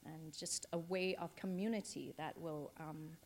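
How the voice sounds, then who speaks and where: Soft-spoken woman making a church appeal. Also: deep voice, steady tone, measured pace, a little hiss or hum. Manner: gentle, hesitant, many ums. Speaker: charity representative. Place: church hall.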